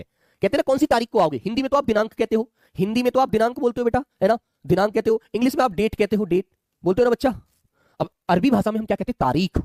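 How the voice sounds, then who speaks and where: A man's voice: sits high, darkish tone, no room sound, clean studio sound. A man teaching a live online exam class, chatty, often calling students his children and asking them to answer.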